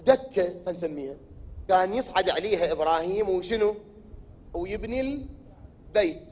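A man preaching a sermon in Iraqi Arabic, asking rhetorical questions and answering them himself, at times building to loud, emphatic declaiming. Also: sits high, normal speed. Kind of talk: religious sermon.

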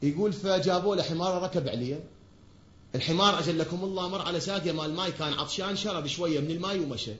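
A man with an Iraqi Arabic accent delivers a rapid, forceful sermon, his voice bright and raised a little high. He keeps firing rhetorical questions at the congregation and answering them. The pulpit audio rings around a large hall and sounds dull and lo-fi. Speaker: preacher.

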